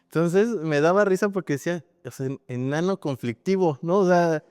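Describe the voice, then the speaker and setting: A man's voice: fairly high pitch, normal speed, a little mellow, smooth, dry recording, studio quality, big-room sound. A man with a Mexican accent preaching a sermon as pastor, in a conversational style that keeps adding tag questions.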